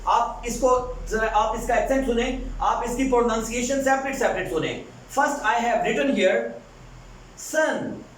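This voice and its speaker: A man teaching English pronunciation to students, explaining fast and then saying the example words slowly and drawn out. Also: high voice, a little hiss or hum. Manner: switches between fast Hindi-Urdu explaining and slow drawn-out English examples. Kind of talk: classroom lecture on pronunciation. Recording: echoey room, voice far from the mic.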